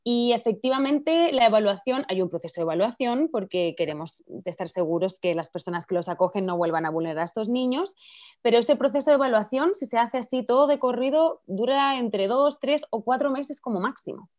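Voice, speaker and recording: Guesting on a radio interview, this woman, a filmmaker and campaign director with a non-Chilean Spanish accent, gives long, earnest, fluent answers packed with clauses. Her voice is on the high side and a little mellow, she speaks fairly quickly, and the radio audio is dry, dull, and lo-fi.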